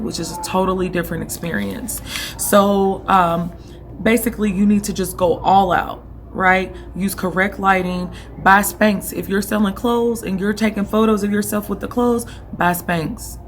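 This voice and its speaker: In a casual vlog, a young woman losing her hoarse voice coaches listeners directly on running an online boutique, checking in with them often. Her mid-range voice has fairly even intonation and normal speed, with faint music behind.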